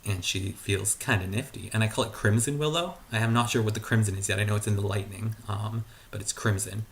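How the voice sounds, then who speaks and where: Low gravelly man rambling in a garage. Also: fairly even intonation, brisk, a little hiss or hum. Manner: hesitant, many fillers and restarts. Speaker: vlogger. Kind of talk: casual rambling monologue. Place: garage at home.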